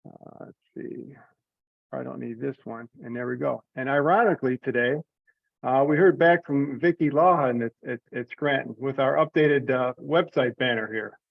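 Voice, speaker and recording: In an online meeting, a man presents slides informally, thinking aloud hesitantly. His voice is gravelly at medium pitch and normal speed, with no echo, heard over a narrow, tinny conference-call line.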